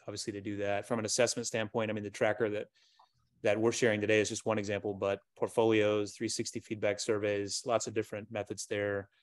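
A man's voice: lowish voice, no echo, clean studio sound. A man who leads a school, speaking on a video-call panel and running through a list of ideas with many fillers along the way. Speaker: school leader. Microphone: webcam on a video call.

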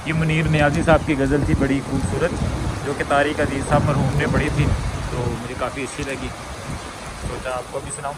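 A young man in his twenties talking casually into a phone at arm's length, sheltering outdoors from heavy rain at night and slowly reciting poetry in a soft, musing way. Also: mid-range voice, flat delivery, very noisy. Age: 20s. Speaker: vlogger. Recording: phone video with loud music over it. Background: music and rain.

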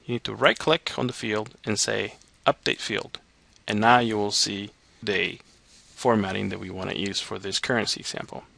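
A man narrating a step-by-step software tutorial as the instructor. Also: on the low side, fairly even intonation, moderate pace, vocal fry. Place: voice-over on a screen recording.

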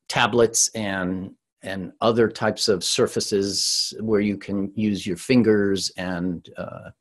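A middle-aged man from the San Francisco Bay Area, giving a conversational webinar talk as a presentation coach over a video call. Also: lowish voice. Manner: lively, conversational, with frequent restarts.

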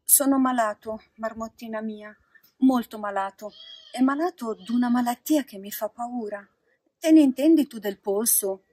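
A woman voicing a rash, frightened wooden puppet boy in a storybook reading, wailing and pleading in loud outbursts. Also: extremely high pitch, normal speed, no echo, studio quality. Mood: worried.

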